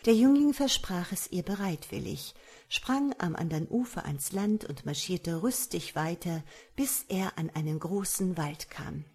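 A woman narrating a fairy tale in a measured, expressive storybook reading. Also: lowish voice, breathy edge.

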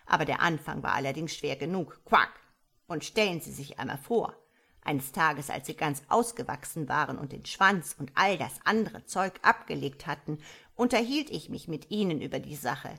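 A woman voicing a fussy old mother frog who scolds loudly and croaks "quack" between words. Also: low voice, full character voice.

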